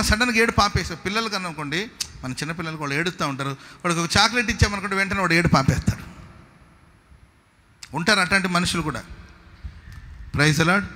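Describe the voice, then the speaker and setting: A man preaching a sermon as pastor, emphatic, swinging between loud exhortation and soft asides. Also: high-pitched. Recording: long hall reverb.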